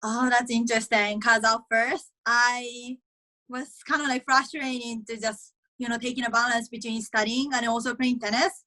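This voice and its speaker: Over a rough video-call recording, a young college tennis player from Japan speaks accented English at a moderate pace, her voice highish, level and sharp. She laughs a lot and leans heavily on fillers like "like" and "you know" in this casual interview.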